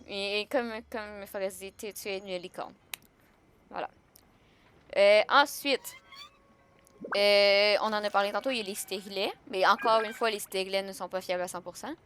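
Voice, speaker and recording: A woman's voice: on the high side, fairly bright tone. A young woman with a Québécois French accent chatting casually on a live stream, joking and answering her chat.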